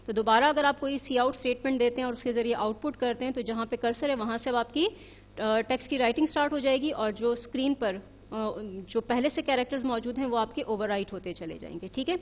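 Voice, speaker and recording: A woman teacher walks through a programming lesson step by step. She keeps checking in with her listeners and mixes English technical terms into her speech. Her voice sits fairly high, with a long reverb trailing behind it. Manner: explains step by step, often checking with "theek hai?". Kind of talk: recorded lecture.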